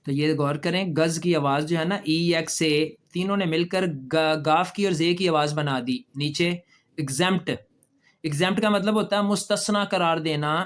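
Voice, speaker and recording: A man teaching a pronunciation lesson, patiently repeating example words slowly for children and asking them questions. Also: fairly high pitch, fairly bright tone. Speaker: English teacher. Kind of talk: classroom lesson explaining pronunciation.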